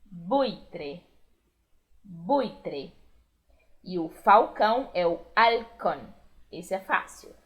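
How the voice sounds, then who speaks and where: Slow, patient Brazilian woman teaching. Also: mid-range voice, expressive. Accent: Brazilian Portuguese. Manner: patient, repeats each word slowly and clearly. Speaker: Spanish teacher. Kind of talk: recorded classroom lesson.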